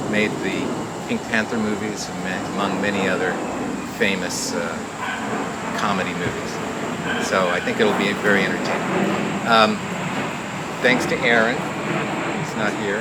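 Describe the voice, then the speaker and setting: A man with a lowish voice hosts a live outdoor show at a community garden event, greeting people and doing magician's patter in an informal, halting, rambling way. His voice comes through a live mic and speaker, and the outdoor recording is very noisy.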